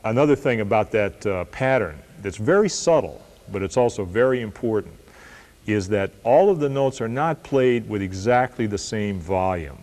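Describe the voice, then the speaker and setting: A middle-aged man teaching a guitar lesson, explaining and counting in a relaxed way while he plays. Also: lowish voice, moderate pace. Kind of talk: instructional demonstration. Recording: loud guitar playing behind the voice. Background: loud acoustic guitar playing.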